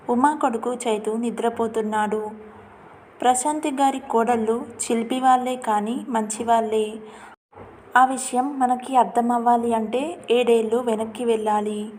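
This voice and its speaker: A woman storyteller narrating a family story in a steady, even reading voice. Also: a little high, slight background noise.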